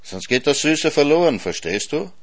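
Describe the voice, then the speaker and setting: A man's voice: on the high side, very animated, normal speed, no echo, voice pushed up. A man reading a story voices a sly hare who teases and tricks a hyena. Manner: teasing, smug, sly.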